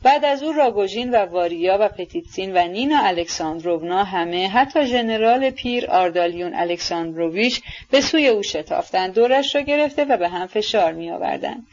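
A woman reading a classic novel aloud in a steady, measured narration. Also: mid-range voice, muffled recording. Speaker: audiobook narrator. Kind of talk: scripted audiobook narration.

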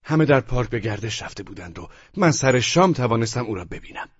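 A male audiobook narrator reads a novel in a measured, even way. His voice is somewhat husky and sits at an ordinary pitch. The recording is dry, dull and lo-fi. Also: no room sound.

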